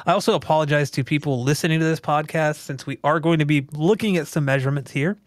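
A man's voice: on the high side, quick pace, no echo. Guy hosting a chill home theater podcast, explains stuff loosely, lots of uhs, dry close sound. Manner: easygoing, explanatory, many fillers. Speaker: podcast and livestream host. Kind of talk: casual tech chat.

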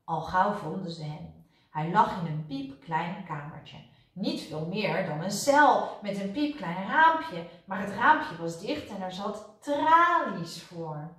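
A teacher reads a children's storybook aloud, her pitch lively and expressive. She sits back from the mic. The room is very echoey. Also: slow pace, far from the mic. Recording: roomy echo, voice off-mic.

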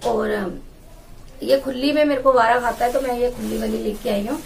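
This housewife vlogger in her thirties has a somewhat high, slightly mellow voice with vocal fry, a steady tone, and a moderate pace. She chats while handling jars and bags to show her groceries in a small tiled room with a wooden door, and the low-quality recording has a little hiss or hum.

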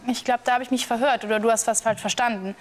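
A woman's voice: a little high, steady tone, close to an everyday voice. An actress playing a dismissive young woman in a scripted courtroom show, brushing off an angry man. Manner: dismissive, quick.

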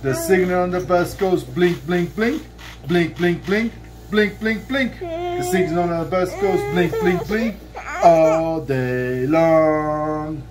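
A man in his thirties, lying on a bed in a bedroom, sings a children's song from a book to his child in a high-pitched voice, taking it slowly. He sounds playful and sing-song, stretching the line endings, with a camera recording from a few feet away.

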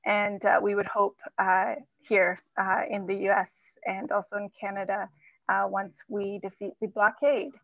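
A woman from Zimbabwe moderating an online conference, talking with many halting fillers over a video call. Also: medium pitch, level tone, creaky, no room sound. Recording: tinny phone-like line.

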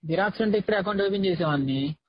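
A young man talks in slang on a recorded casual phone call, his high voice racing along as he keeps saying "bro." The chat is informal, and the audio has no echo.

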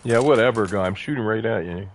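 A man's voice: on the low side, fast, noisy background. A grumpy man griping and swearing casually as he plays a video game. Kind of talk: casual gameplay chat with profanity. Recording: voice chat buried in loud game gunfire. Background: loud video game gunfire.

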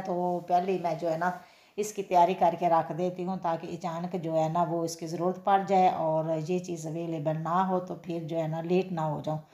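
A chatty woman with a lowish, dark-toned voice narrates a casual home vlog as a cooking and daily-life vlogger, repeating filler phrases and speaking directly to viewers. She starts in her home kitchen and moves on to an outdoor street fair, with echoey room sound throughout.

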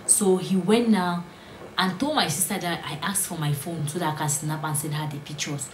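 A young woman, telling her own story in a storytime vlog, earnest and often sinking to a hushed whisper. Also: lowish voice, fairly even intonation, normal speed, slight background noise. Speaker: vlogger. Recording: roomy echo, faint ambience.

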